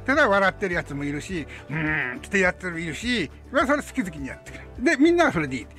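A man's voice: sits high, sing-song, rapid-fire, bright, forceful tone, faint music behind. A man in his seventies, a film actor, telling behind-the-scenes stories in casual chat and acting out voices and sound effects as he goes. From Japan. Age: 70s.

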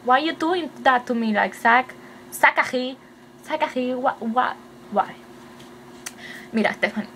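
A young woman with a Puerto Rican Spanish accent, chatting fast and excitedly in a casual video update and slipping English words into her Spanish. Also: high-pitched, slight background noise. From Puerto Rico. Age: young adult. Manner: hyper, rapid, mixes English into Spanish. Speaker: vlogger.

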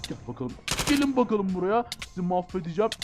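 Male gaming host, high voice, fast delivery, excitable play-by-play, lots of gasps and asides to viewers. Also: noisy background. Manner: excitable, keeps calling out to viewers, gasps at scares. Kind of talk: excited Let's Play commentary.

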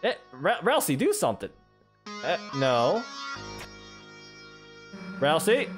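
Animated male gamer with swooping pitch. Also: slow pace. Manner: reactive, exclamatory. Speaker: gaming let's player. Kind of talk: casual let's play commentary, reading game dialogue aloud. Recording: game music behind voice.

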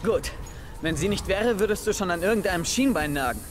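A man's voice: high-pitched, animated, fairly quick, soft background music. An actor playing a brash young male survivor leader in a video game, curt, impatient and sarcastic. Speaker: game character. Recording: game audio with clear background noise.

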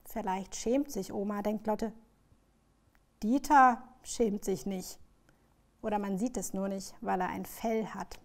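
A woman author reading her children's book aloud in a lively, expressive storyteller's manner. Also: mid-range voice, takes it slowly.

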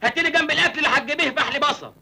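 A high-voiced, cheeky village lad in a comedy film. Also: male voice, rapid-fire, creaky, pushed and bright, heavily acted, low-quality recording. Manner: cheeky, joking, whiny. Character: cheeky hungry young villager man, joking.

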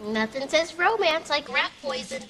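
A woman's voice: high voice, expressive, moderate pace, noisy background. A female actor playing a sassy, wisecracking young sitcom camper, full of sarcasm. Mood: sarcastic. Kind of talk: sitcom acting.

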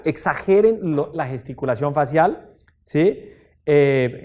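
A man giving a live seminar talk on stage, animated, often checking in with his listeners through quick tag questions and deliberately raising and dropping his voice. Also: on the high side. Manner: deliberately raises and drops his voice. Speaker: seminar lecturer. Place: stage before a live audience.

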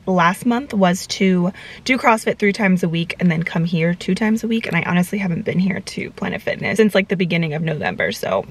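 A woman's voice: on the low side, lively intonation, a little fast. A young woman vlogging in a casual, chatty way, with lots of loose filler words as she talks to the camera. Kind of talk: casual vlog chat.

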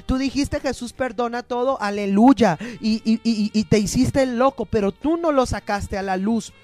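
A pastor preaching a fervent sermon, repeating phrases and rising into a sing-song lilt. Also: male voice, very high-pitched, moderate pace, a little mellow, no room sound, soft background music.

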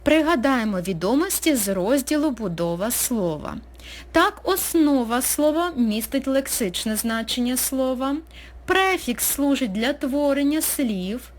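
Woman teacher, slow dictating delivery, fairly high voice, very animated pitch. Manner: slow, clear, dictating pace. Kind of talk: recorded school lesson narration.

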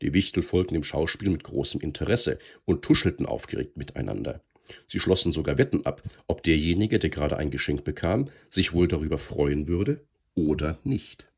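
A man giving a lively, expressive reading of a storybook. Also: extremely low pitch, moderate pace, gravelly, husky.

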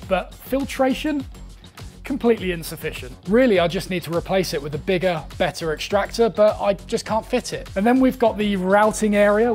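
A young man hosting a workshop tour, listing tools and items one after another with brisk enthusiasm, recorded indoors in a small, cluttered workshop. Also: high-pitched, darkish tone. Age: young adult. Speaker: woodworking channel host.

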